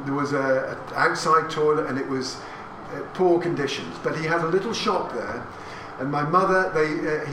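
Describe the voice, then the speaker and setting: Addressing a live audience in a hall about family history, an English man in his sixties speaks with a voice slightly high for a man. He keeps it chatty and anecdotal, with asides and questions to the audience. The sound is roomy and distant, with audience noise behind.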